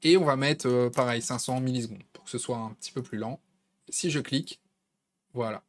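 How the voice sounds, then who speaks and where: Speaking a little quickly in a medium-pitched voice, a French-accented man hosts a relaxed screen-recorded tutorial on a design tool, chatting his way through it with lots of filler words.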